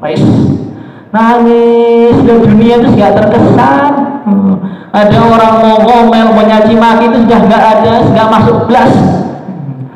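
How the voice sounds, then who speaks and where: Young man, sermon, storytelling, chanting then fast speech, very echoey hall, long reverb. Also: very high-pitched, steady tone, darkish tone, soft background music. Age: young adult. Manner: storytelling, swings between sung chant and quick speech. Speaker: preacher. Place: large hall.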